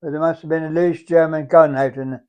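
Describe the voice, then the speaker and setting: This is a roughly 100-year-old English veteran looking back on his service in an unhurried oral-history account. His voice is a little high, steady, darkish, and clean in tone, carrying an English accent; he speaks haltingly and reflectively, repeating phrases. The lo-fi audio is dull and muffled.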